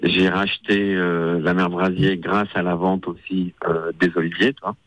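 A man, a chef and radio guest, chatting casually with halting, hesitant phrasing. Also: sits low, little pitch movement, fairly bright tone, no room sound, rough recording. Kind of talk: casual chat.

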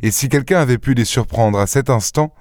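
A man reading a literary story aloud in a measured narration, recorded on a close studio mic. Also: medium pitch, a little mellow, no echo. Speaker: audiobook reader. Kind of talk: scripted narration.

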